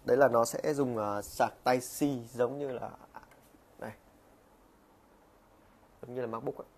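A man's voice: mid-range voice, fairly even intonation, unhurried, a little mellow, a little hiss or hum. Guy at his desk showing off a gadget, chatty, lots of ums and restarts. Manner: chatty, frequent fillers and restarts. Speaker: product reviewer. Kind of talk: casual product demo vlog. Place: small room at a desk.

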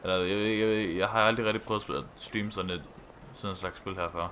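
A man's voice: on the low side, steady tone, fairly bright tone, slight background noise. A young man streaming a game live, reading dialogue aloud, swearing and laughing as he plays. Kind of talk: casual live game commentary.

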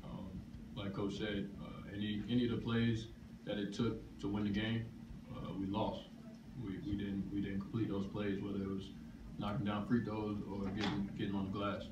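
A young man, a college basketball player, answering post-game questions in a low-key, halting way at a press table. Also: little pitch movement, muffled recording. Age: young adult. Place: press room, seated at a table. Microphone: table microphone. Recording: echoey room, distant mic, loud noise.

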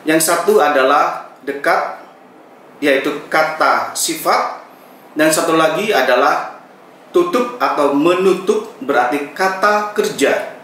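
Guy teaching grammar, kinda high voice, super echoey room. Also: a bit bright, a little hiss or hum. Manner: slow, deliberate example sentences. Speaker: English teacher. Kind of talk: grammar lesson. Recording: echoey room, mic set far off.

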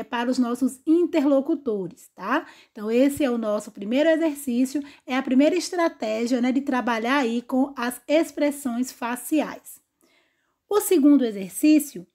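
A woman's voice: high-pitched, a little mellow. A woman teacher with a Brazilian accent giving an online class, explaining step by step and often checking in with tag questions. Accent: Brazilian Portuguese. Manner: didactic, frequent tag questions.

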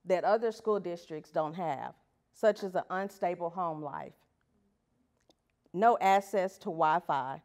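A woman teacher giving a prepared talk at an education event, earnest and putting rhetorical questions to the audience. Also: fairly low pitch. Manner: reads from prepared pages. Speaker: elementary school teacher.

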